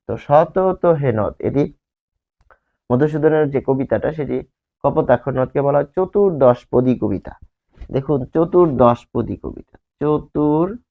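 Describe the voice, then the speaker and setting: A male teacher giving a grammar lesson, repeating key terms slowly and asking and answering his own questions. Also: mid-range voice, gravelly. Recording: tinny, phone-like sound.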